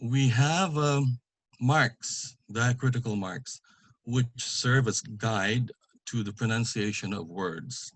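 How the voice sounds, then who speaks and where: Man, language teacher, slow deliberate delivery, repeats examples, dry close recording. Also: mid-range voice, slightly rough, no echo. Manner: slow, careful, repeats words for pronunciation. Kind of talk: online language lesson.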